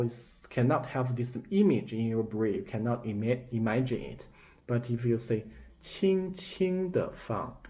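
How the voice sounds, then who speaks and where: Chinese-accented male teacher, unhurried, patient, repeats each example word. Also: medium pitch, dark tone. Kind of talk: slow explanatory lesson.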